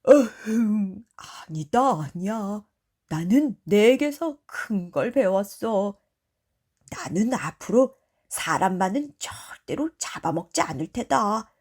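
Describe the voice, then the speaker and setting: A woman's voice: mid-range voice, very animated, slow, darkish tone, breathy edge, full character voice. A woman voicing a grieving, remorseful tiger who speaks tearfully in a storybook tale. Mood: solemn. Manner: tearful, sighing, changed timbre. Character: grieving old male tiger, gentle and remorseful.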